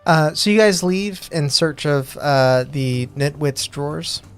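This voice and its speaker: A man narrating a tabletop game as game master, in halting, thoughtful phrases, with music underneath. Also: on the high side, clear, resonant tone.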